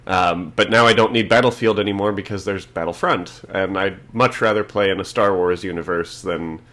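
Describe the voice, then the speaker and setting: Male co-host, lowish pitch, easygoing, jokey, informal gaming-podcast chat. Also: normal speed, a bit bright. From Austria. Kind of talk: casual chat about video games.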